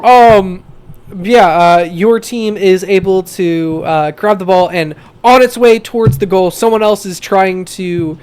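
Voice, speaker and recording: A man's voice: high-pitched, a little slow, a little mellow, clear, resonant tone. A man narrating as game master of a tabletop game, hesitant and full of fillers.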